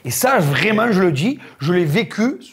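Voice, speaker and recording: Husky, high-voiced Provençal man. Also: sing-song, normal speed, a bit bright. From southern France. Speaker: co-host. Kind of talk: casual chat.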